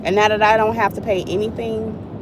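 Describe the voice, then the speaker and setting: A woman's voice: medium pitch, level tone, fairly quick. Young woman, blunt and fed-up, cursing as she vents to camera from a car with road noise behind. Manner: frustrated, blunt, swears freely. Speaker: vlogger. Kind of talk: casual venting vlog.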